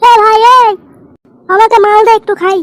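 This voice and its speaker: A man with a West Bengal accent voicing a pushy, freeloading drunkard in a comic cartoon, nagging repetitively through a pitched-up effect. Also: little pitch movement, moderate pace, fairly bright tone, no echo. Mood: pestering. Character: pushy, freeloading male drunkard craving booze.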